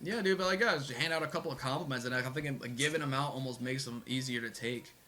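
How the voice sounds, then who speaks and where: A man with an often monotone voice, co-hosting a casual comedy chat and telling laid-back stories. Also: medium pitch, fast talker, faint music behind. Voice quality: monotone at times. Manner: laid-back, says "dude" a lot, tells stories. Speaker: comedian guest host.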